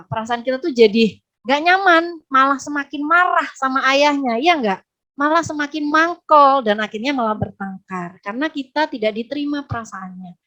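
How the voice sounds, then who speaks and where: Higher-voiced woman giving a parenting webinar. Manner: lively, acts out child and parent voices in quotes. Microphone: close mic, online webinar.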